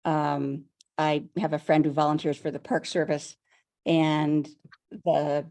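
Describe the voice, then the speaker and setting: A woman's voice: low voice, flat delivery, takes it slowly, darkish tone. A woman homeowner on a video call, chatty and a bit rambling as she gives a public comment.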